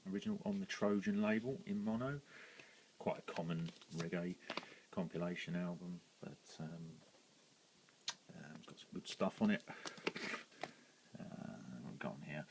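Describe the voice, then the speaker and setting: A British man with a low, creaky voice casually shows off his record collection, rambling along with lots of ums and self-corrections. The recording is rough, with a slight hiss or hum underneath.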